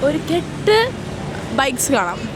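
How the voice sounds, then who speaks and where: A woman's voice: high voice, sing-song, takes it slowly. A Malayali woman chatting casually as a travel vlog co-host, mixing Malayalam with English words. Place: outdoors on busy city streets. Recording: loud street traffic noise.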